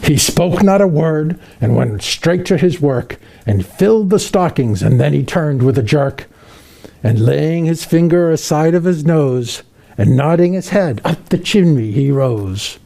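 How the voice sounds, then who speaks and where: A man playing a jolly, kindly old Santa Claus, reading a children's Christmas poem aloud in an expressive, unhurried storytelling manner. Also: on the high side, gravelly, full character voice. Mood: warm storytelling.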